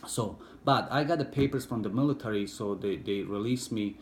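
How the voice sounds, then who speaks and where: Low-voiced Bosnian man, halting speech. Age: middle-aged. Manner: halting, many fillers and restarts, broken English. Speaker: interviewee, war veteran. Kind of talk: personal recollection, hesitant. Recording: echoey room with faint background noise.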